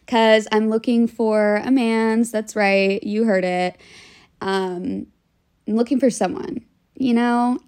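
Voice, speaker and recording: A woman's voice: a little high, darkish tone. A young woman in her twenties hosting a podcast, telling a dating story in a chatty, giggly way, laughing often and swearing. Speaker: podcast host. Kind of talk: casual storytelling.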